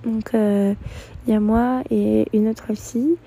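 A woman's voice: on the high side, fairly even intonation, slow, vocal fry, warm tone, slightly rough. A young woman vlogging from a hostel dorm, telling a travel story in a rambling way with many fillers and restarts. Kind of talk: casual storytelling.

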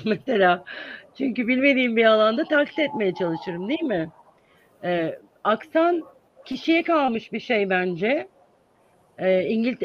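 A man who teaches English, answering interview questions in an earnest, explaining manner with many hesitant fillers. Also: high voice. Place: lives in the United States. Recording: dull, dry sound.

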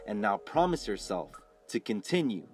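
A man's voice: lowish voice, sing-song, moderate pace. A man delivering a scripted podcast intro and outro in an upbeat, motivational manner. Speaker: podcast host. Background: music.

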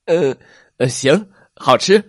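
A big, lonely T. rex who stutters and trips over his words, as a man puts him on. The voice sits a touch higher and louder than plain talk, in a dry, close recording. He sounds like a storybook dinosaur who is not used to being liked. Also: expressive, slow pace, no room sound, exaggerated voice. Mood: nervous. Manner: stammering, hesitant. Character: big lonely male T. rex, gruff but shy, fibs nervously.

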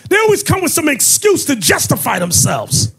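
A man acting as bishop and host, preaching in a fiery way, mocking and often shouting. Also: extremely high pitch, wildly swooping pitch, normal speed.

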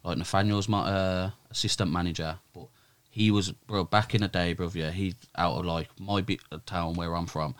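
Here the same kind of guest, a Sunday league team manager with a British urban roadman accent, talks emphatically in heavy street slang, dropping "bruv" and "innit" again and again. His low voice holds a steady tone at a moderate pace with few pauses, smooth and free of room sound.

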